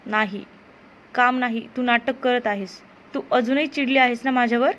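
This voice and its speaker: A woman's voice: on the high side, steady tone, normal speed, fairly bright tone, close to an everyday voice. A woman voicing a possessive, desperate young man who pleads and insists with his lover. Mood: accusing.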